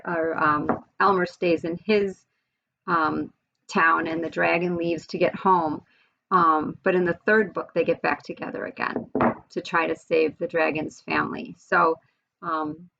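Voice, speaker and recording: Teacher lady reading a storybook to her class, a bit of vocal fry, dull lo-fi audio. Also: on the low side. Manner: friendly, explaining, some fillers. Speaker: teacher reading aloud to students. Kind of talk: picture-book read-aloud. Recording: dull lo-fi recording.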